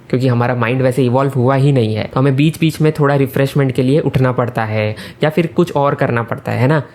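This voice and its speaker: A man's voice: medium pitch, a little mellow. A man giving a casual explainer talk on a book's ideas, mixing English words into his speech and checking in with the listener through frequent tag questions. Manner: mixes English words and phrases into Hindi. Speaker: self-improvement educator explaining a book.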